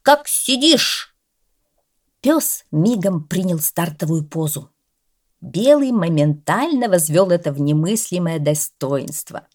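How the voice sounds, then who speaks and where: A woman reads a children's animal story aloud at a slow, unhurried pace. Her voice sits fairly low, and she shapes each sentence with measured expression. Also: lively intonation, dark tone. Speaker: narrator. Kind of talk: storybook narration.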